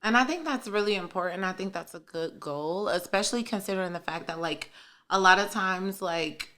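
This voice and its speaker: A woman's voice: mid-range voice, fairly quick, pushed and bright. A woman co-hosting a podcast, talking in an encouraging way peppered with "like". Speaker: podcast co-host. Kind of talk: casual chat.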